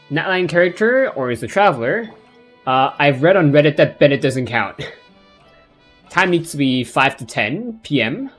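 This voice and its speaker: A man's voice: mid-range voice, fairly bright tone. Offhand male game streamer over music. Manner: hesitant, rambling, offhand. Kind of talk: casual live game commentary. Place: indoor live stream of a video game. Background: plucked guitar game music.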